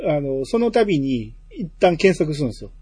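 A man's voice: a little high, very animated, normal speed, dark tone, husky, no room sound. A man with a Kansai accent chatting casually as a talk show co-host, teasing and prodding his partner. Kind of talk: casual chat.

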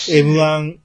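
Teasing Kansai-accented man, husky and lively. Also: on the high side, dry recording. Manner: teasing, laughs often, reads listener messages. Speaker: podcast co-host. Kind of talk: casual chat.

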